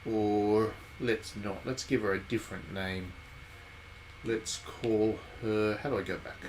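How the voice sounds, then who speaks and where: A man with a fairly low voice speaks slowly while streaming a visual novel playthrough, rambling and thinking out loud in casual live commentary. The rough recording has steady background noise.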